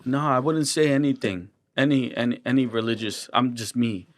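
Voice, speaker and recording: In a mid-range voice at normal speed, a young guest artist with Colombian and Ecuadorian roots speaks earnestly during a casual interview. He frequently starts over and repeats himself, and the recording has no echo.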